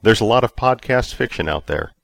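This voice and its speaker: A man, the podcast's author, reading the outro in a plain, measured way. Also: fairly low pitch, expressive, vocal fry, a little hiss or hum.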